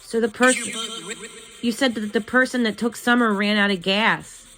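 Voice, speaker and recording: Lady with a highish voice doing a spirit box session, chatty, softly coaxing, asking stuff casually. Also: fairly even intonation, moderate pace, slight background noise. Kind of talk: casual one-sided questioning of spirits.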